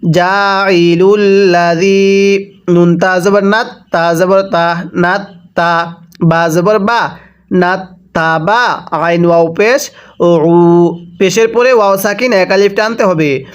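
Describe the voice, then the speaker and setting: Bangladeshi Bengali man teaching Quran reading, spells syllables, high smooth voice. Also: steady tone, muffled recording. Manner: spells syllables one by one, then chants the joined words slowly. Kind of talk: slow spelled-out recitation lesson.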